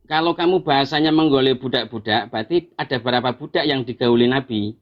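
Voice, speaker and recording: A man with an average-pitched voice argues in a live online interfaith debate. He cuts in often to correct his opponent. He repeats short replies in rapid bursts. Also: highs cut off.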